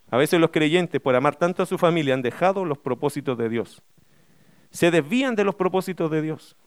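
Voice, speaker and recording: Emphatic high-voiced pastor. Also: male voice, smooth, no room sound, studio quality. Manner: emphatic preaching with rhetorical questions. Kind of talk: sermon.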